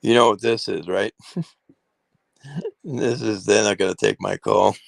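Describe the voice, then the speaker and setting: A man's voice: fairly low pitch, unhurried, creaky, dry recording. A man co-hosting a casual chat, wary and doubtful, trailing off into restarts as he plans his next call. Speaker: co-host.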